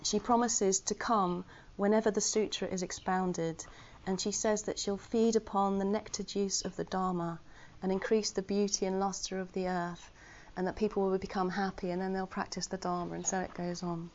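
Slightly muffled audio captures a woman's mid-range, a little mellow voice, level in tone, at normal speed and with hardly any pauses. She's delivering an informal Dharma talk to her Buddhist community, earnest and conversational, and she often jokes at her own expense.

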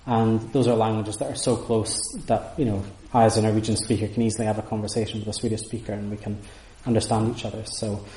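A man with a fairly low, warm voice lectures informally on Sanskrit texts to a room of listeners and answers their questions, quick-paced with few pauses and little pitch movement. He is thoughtful, restarting often and hedging with fillers, and the roomy audio is low-quality.

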